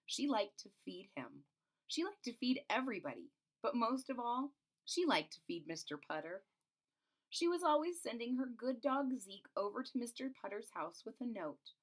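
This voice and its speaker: Reading a children's picture book aloud with lots of expression, a woman stops now and then to explain things simply, the way a teacher might. Her voice sits a little high and is very animated, moving at a moderate pace.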